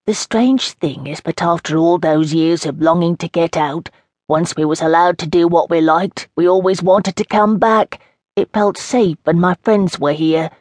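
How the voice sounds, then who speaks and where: A woman's voice: low voice, no echo. A woman reading an audiobook as a chatty woman in her seventies with an East End London accent, homely and rambling. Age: 70s. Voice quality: homely, rambling, dialect grammar. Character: frail chatty old East End woman, long institutionalised. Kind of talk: audiobook narration in character.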